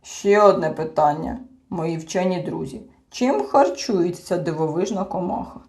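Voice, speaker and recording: A woman voicing a slow-witted, pedantic male creature who collects insects, muttering in a pompous way, with faint music behind. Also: lowish voice, expressive, darkish tone. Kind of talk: audiobook character voice.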